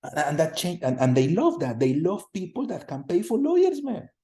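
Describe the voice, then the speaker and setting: A man from Colombia in his thirties teaching a class over a video call, energetic, often repeating words and putting questions to the students. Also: high-pitched, normal speed. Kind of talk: online class lecture. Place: home room on a video call.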